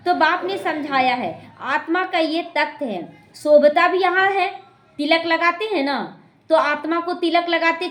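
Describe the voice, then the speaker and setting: In an echoey meditation class hall, a spiritual teacher explains scripture, repeating her points and speaking straight to her students. Her voice is high and a bit bright.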